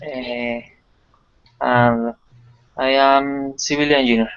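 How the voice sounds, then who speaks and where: Man from Colombia, Colombian Spanish accent, slow and flat, smooth voice, muffled call audio. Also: medium pitch. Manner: slow, hesitant, simple English. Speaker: student.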